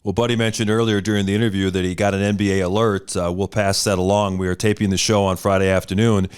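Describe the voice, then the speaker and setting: Smooth-voiced male podcast host. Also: low-pitched, little pitch movement, fast. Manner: reads news items, then puts a question to his guest. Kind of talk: podcast interview.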